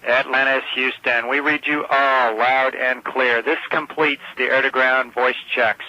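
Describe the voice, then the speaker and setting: A man's voice: mid-range voice, steady tone, unhurried, pushed and bright, no room sound. A man working as a mission control communicator, giving formal, procedural voice checks over radio. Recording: dull radio channel.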